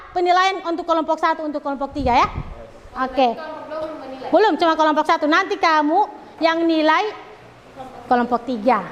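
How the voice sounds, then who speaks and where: A woman's voice: very high voice, fairly bright tone, big-room sound, highs cut off, slight background noise. A woman teacher giving directions to her class, checking often that students are ready. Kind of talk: classroom instruction.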